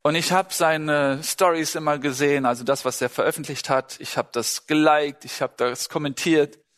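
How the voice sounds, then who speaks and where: Speaking to a congregation in a large, reverberant hall, a man preaches with a fairly high, fairly bright voice, a steady tone, and a moderate pace. He keeps it conversational, putting questions to the crowd and acting out short exchanges.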